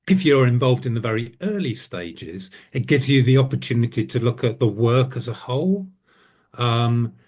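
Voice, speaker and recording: A man's voice: medium pitch, slightly rough. Thoughtful explaining British man. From United Kingdom. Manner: thoughtful and explanatory, with frequent ums and rephrasing. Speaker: panel guest, senior business analyst. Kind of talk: panel discussion.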